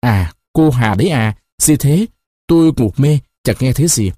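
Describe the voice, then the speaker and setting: A man voicing a shy, evasive young village man who talks gently and hesitantly. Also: mid-range voice, lively intonation, moderate pace, no room sound, clean studio sound, natural voice.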